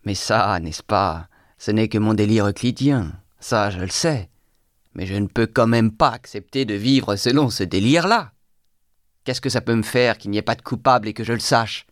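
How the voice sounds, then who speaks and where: Literary reading: a man doing a bitter young thinker, feverish and exalted, low voice. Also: normal speed, no echo, studio quality, lightly acted.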